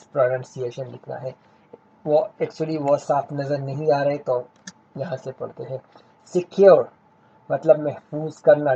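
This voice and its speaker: Slow, patient male teacher, dull audio. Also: on the high side, mellow, breathy edge. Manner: slow, patient, repeats each word and its meaning. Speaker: English teacher. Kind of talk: textbook lesson explaining in Urdu. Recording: dull lo-fi sound.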